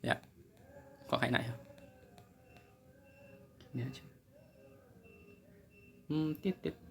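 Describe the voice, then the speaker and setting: A man's voice: mid-range voice, fairly even intonation, extremely slow, vocal fry, fairly bright tone, slight background noise. A man, teaching a casual English lesson, chatty and joking at his own expense. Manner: chatty, joking, laughs at himself.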